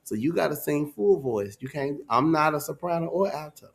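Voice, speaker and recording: A man leading a choir rehearsal, giving relaxed, folksy directions and singing each part in falsetto to show the pitch. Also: normal speed, creaky. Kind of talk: casual choir rehearsal instruction. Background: piano accompaniment.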